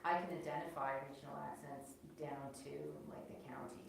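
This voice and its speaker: A woman's voice: very deep voice, steady tone, fairly quick, gravelly. Chatty woman author in echoey room. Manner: chatty, laughs easily, self-correcting restarts. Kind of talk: live author talk and Q&A. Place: library event room. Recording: echoey room, distant mic, noisy.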